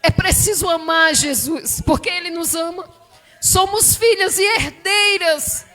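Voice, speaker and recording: Woman, sermon, very high voice, bright tense tone, fervent, shouting then murmuring. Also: unhurried, faint music behind. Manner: fervent, shifts between shouting and low murmurs. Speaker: preacher.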